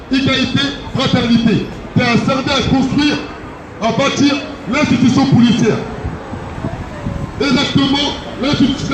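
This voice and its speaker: A man from France, an activist giving an impassioned outdoor speech at a protest, insistently repeating each key phrase. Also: very high-pitched. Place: outdoors on a city street. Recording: echoey street with loud background noise.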